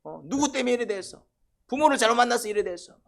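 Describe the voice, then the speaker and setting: A man's voice: fairly high pitch, flat delivery, slow, gravelly, heavily acted. A man acting out a bitter, blaming complainer. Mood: resentful. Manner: shouting accusations. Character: bitter, resentful person blaming family.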